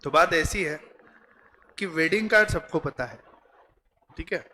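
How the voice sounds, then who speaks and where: A man teaching a commerce class, questioning students and explaining slowly in a classroom. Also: fairly high pitch, animated, bright, forceful tone, a little hiss or hum. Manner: mixes Hindi, Marathi and English, quizzes students; slow, deliberate explaining. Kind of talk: classroom lecture.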